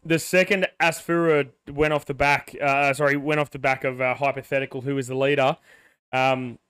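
Smooth-voiced Aussie bloke telling stories. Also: male voice, mid-range voice, moderate pace, no echo. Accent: Australian. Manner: animated storyteller, rambling. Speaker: podcast co-host. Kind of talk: casual sports podcast chat.

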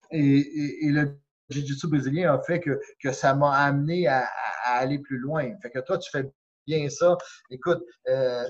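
A man with a Québécois French accent, a karate instructor chatting as an interview guest in a warm, encouraging way and slipping in English phrases. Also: on the high side, lo-fi sound. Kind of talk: casual interview chat.

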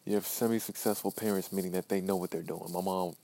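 Fast-talking and steady in tone, a man in his early twenties delivers a profane, blunt self-talk pep monologue for a podcast, repeating phrases for emphasis. His low voice is creaky and mellow, with a little hiss or hum in the background.

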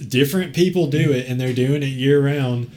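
A man's voice: medium pitch, moderate pace, darkish tone, slight background noise. A man hosting a podcast, telling a long story in a rambling, casual way, laughing often and swearing freely. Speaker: podcast host.

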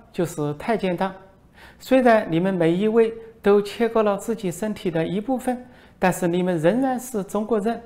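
A man voicing a sly male foreign reporter who asks mock-innocent, needling questions in a raised, slowed voice. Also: darkish tone, close to an everyday voice. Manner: high, slow, needling, mock-polite.

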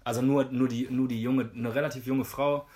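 A man's voice: medium pitch, brisk. A man, telling a story in casual chat and saying "Alter" a lot. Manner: animated slangy storyteller, says "Alter" a lot. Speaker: podcast co-host.

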